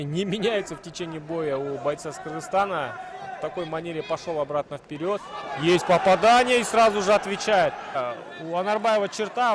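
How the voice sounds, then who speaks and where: Male fight commentator, high voice, wrestling-commentator style with analytical play-by-play and excitable calls, noisy arena crowd behind. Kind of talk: live MMA sports commentary.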